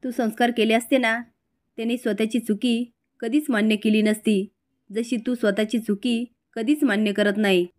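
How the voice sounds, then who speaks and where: A woman's voice: fairly high pitch, steady tone, moderate pace, a little mellow, close to an everyday voice. A woman voicing an exasperated middle-aged husband who scolds his quarrelsome wife. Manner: exasperated, reproachful.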